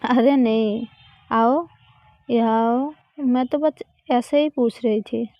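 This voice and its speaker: A woman's voice: fairly high pitch, steady tone, takes it slowly, dry recording, dull audio. A woman voicing a confused young college woman who keeps coaxing her friend to explain. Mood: confused, pleading.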